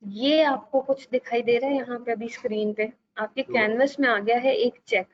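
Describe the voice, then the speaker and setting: A woman teaching a live online design class, patient and steady, often checking that students follow. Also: on the high side, normal speed, muffled recording. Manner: patient, repeats "ठीक है" to check understanding.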